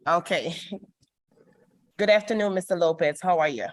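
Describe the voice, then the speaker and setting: A woman's voice: lowish voice, normal speed. A woman chairing a city hearing over an online group voice call, speaking formally with frequent ums and small restarts. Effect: voice heard over an online group voice call. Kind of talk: formal meeting chairing and reading into the record.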